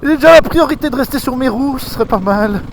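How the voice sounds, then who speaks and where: A man with a Swiss French accent, vlogging from a helmet camera while riding in snow, excitable and swearing, laughing often. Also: very high-pitched, quick pace, slight background noise. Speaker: motorcycle vlogger. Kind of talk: helmet-cam vlog commentary. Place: outdoors riding a motorcycle in snow. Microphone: helmet camera mic.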